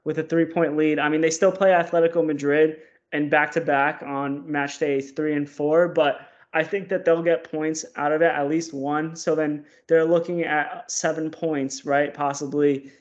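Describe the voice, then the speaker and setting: Dude going on about football tables and stats, bit high pitched, dull lo-fi audio. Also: male voice. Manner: opinionated, animated, piling up stats. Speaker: podcast co-host. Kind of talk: casual football analysis.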